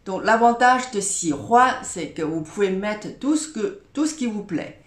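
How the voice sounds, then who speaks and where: A woman teacher speaks at a slow, deliberate pace. She sounds out each word with care and repeats it for her learners. Her voice rings in a roomy, echoing space. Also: mid-range voice, lively intonation. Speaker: Chinese teacher. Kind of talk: online language lesson. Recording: roomy echo.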